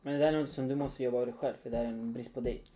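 A man's voice: medium pitch, fairly even intonation, a crowd in the background. A man hosting a casual podcast chat, asking probing questions and joking with casual swearing. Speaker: podcast host.

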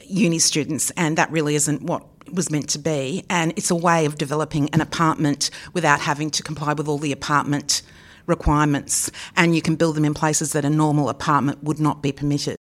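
A woman's voice: deep voice, flat delivery, a little fast. A woman, co-hosting a local news podcast in a chatty, upbeat way. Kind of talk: casual chat.

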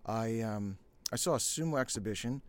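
A middle-aged man from the United States, a podcast guest who tells his story in a relaxed, self-deprecating way. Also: medium pitch, normal speed, dry recording. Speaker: podcast guest, sumo federation founder. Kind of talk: casual interview talk.

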